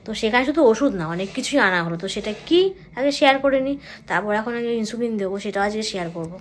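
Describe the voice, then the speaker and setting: A woman's voice: mid-range voice, rapid-fire. A woman chatting casually to viewers in a home vlog. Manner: chatty, talks to viewers directly. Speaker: vlogger.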